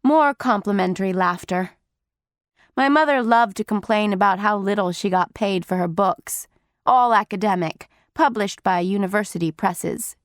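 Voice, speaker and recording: A woman narrating a teen novel in the first person, with steady, wry storytelling. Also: mid-range voice, dry recording, clean studio sound. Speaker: audiobook narrator.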